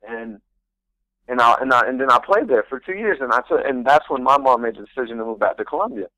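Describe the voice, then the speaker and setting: This young guest, a rookie pro soccer player, speaks quickly with lively intonation and a bright, forceful medium-pitched voice. Appearing on a radio talk show, he rambles earnestly through his story and keeps restarting sentences, captured in a rough recording without echo.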